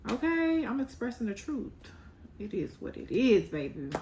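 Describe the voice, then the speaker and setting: A young woman doing a casual tarot reading, blunt and animated, teasing and scolding her viewers. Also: on the high side, normal speed, slight background noise. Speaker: tarot reader.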